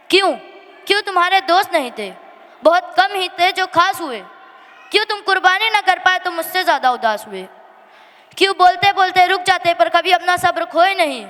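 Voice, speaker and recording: Performing a poetic monologue at a school annual day, a high-voiced female speaker draws out her refrains with emotional, plaintive emphasis. Her fairly bright voice echoes through the hall with long reverb.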